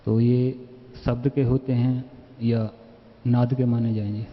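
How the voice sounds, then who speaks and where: A man slowly and carefully asks a question, his voice level and unvaried. It carries a long hall reverb and sounds muffled and dull. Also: mid-range voice, little pitch movement, slight background noise. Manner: slow, careful, hesitant questioning. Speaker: student asking a question.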